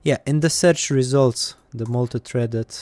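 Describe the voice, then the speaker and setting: Speaking with an Eastern European accent, a man codes on a live stream and thinks out loud, often pausing and using fillers. His mid-range voice has a darkish tone, and there is no room sound.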